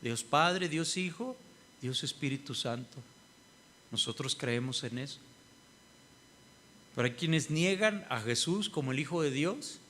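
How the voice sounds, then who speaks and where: A man's voice: fairly high pitch, animated, measured pace, long pauses, sharp tone, slight background noise. A male pastor preaches a sermon, often asking the congregation "¿sí?" and acting out what other people say. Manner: asks the congregation "¿sí?" often, acts out quoted people.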